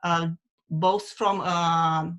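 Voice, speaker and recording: A woman's voice: on the low side, fairly even intonation, drawn-out words, fairly bright tone. A woman from Romania, presenting as a university dean on a video call, with hesitant speech full of fillers. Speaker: undergraduate dean. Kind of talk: webinar presentation.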